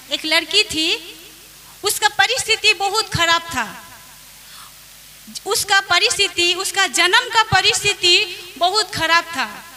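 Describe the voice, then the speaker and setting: A woman pastor giving a testimony sermon, speaking slowly, repeating her phrases and often saying hallelujah. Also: very high-pitched, sharp tone, a little hiss or hum.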